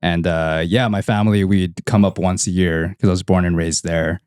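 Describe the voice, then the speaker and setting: A man's voice: low-pitched, steady tone, normal speed, a little mellow, smooth. A man from Hawaii, a podcast guest, talking in a laid-back, nostalgic way. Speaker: guest, host's cousin. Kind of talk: casual podcast chat.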